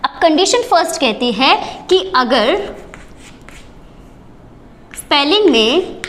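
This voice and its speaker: A woman gives a whiteboard lesson in a high, bright voice. She moves slowly, spells words letter by letter and answers her own questions. Each point comes unhurried and deliberate. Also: sing-song. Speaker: English teacher.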